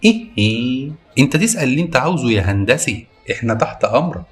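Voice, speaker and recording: A smug, prying village estate agent, as a man puts him on, talking in a lower voice with an Egyptian accent. He is self-important and nosy, with a lively, swinging delivery and faint music underneath. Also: racing, close to an everyday voice. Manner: self-important, prying, calls the client engineer.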